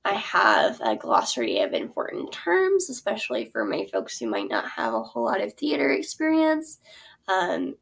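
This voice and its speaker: Her voice is medium-pitched, gravelly, and fairly bright as this young adult woman, a theater teacher who builds curricula, chats her way through her course plan. She often says um and corrects herself in this informal product walkthrough.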